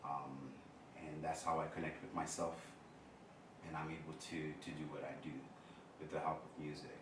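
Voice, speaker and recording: A very deep male voice, unhurried and thoughtful, with many pauses. He is from Congo and sounds far from the mic in an echoey room, with noise behind him. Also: level tone. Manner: slow and reflective, with many pauses and fillers. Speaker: guest performer. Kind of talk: casual self-introduction. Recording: distant roomy recording with noise.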